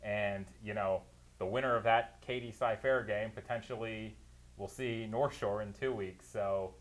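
On a talk show, a producer and analyst walks through football games play by play in detail, sharing strong opinions and laughing readily. His lowish voice holds a steady tone and runs a little slow.

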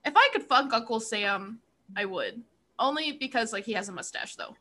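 Bright, giggly woman comedian. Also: fairly high pitch, expressive, moderate pace. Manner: giggly, crude, filler-heavy rambling. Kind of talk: casual chat.

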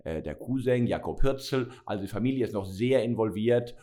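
A man's voice: lowish voice, lively intonation, a little fast, warm tone. A middle-aged man from Spain, a company CEO, answering interview questions with many fillers and restarts. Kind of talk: interview conversation.

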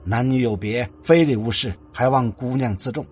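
A man voicing a pompous old-fashioned male scholar ghost who speaks slowly in a stiff, archaic, bookish manner. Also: mid-range voice, a little mellow, faint music behind, lightly acted. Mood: solemn.

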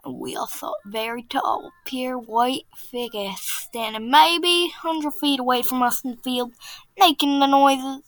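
Excitable woman hosting a chill podcast, reads a creepy story, giggles a lot, really high voice. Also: a little slow, dry recording. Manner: giggly, often breaks into laughter; chatty and excitable. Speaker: podcast host. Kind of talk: casual podcast chat, reading a spooky story aloud.

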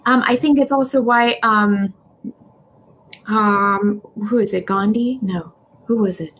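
A woman's voice: medium pitch, fairly even intonation, slow pace, fairly bright tone, slight background noise. A woman hosting a casual spiritual conversation over a video call, affirming her guest and searching aloud for references. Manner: affirming, interjects, searches for words.

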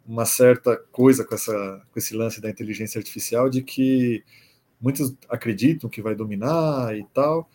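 A man with a Brazilian Portuguese accent speaking as a guest on a podcast, relaxed and reflective. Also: medium pitch, normal speed. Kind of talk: casual podcast chat.

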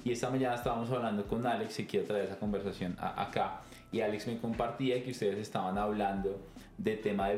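A man with a low voice hosts a podcast conversation. He tells stories with energy and acts out bits of dialogue along the way. The echoey room carries his voice around it. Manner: animated storytelling, acting out dialogue. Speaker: podcast host.

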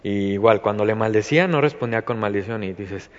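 A man's voice: on the low side, brisk. A man with a Mexican accent giving an informal Bible study talk, rambling through many fillers and restarts. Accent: Mexican Spanish. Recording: dull, reverberant recording.

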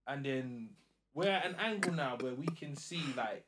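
A man with a London roadman accent, casually telling an animated story in slang and acting out the dialogue. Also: mid-range voice, moderate pace, noisy background. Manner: slangy, acts out quoted dialogue.

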